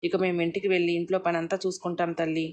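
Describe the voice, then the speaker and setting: A woman's voice: lowish voice, little pitch movement, fast, darkish tone, lo-fi sound, lightly acted. A woman voicing a teasing older mother who chides her daughter fondly, in a storybook reading. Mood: chiding. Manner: fondly chiding.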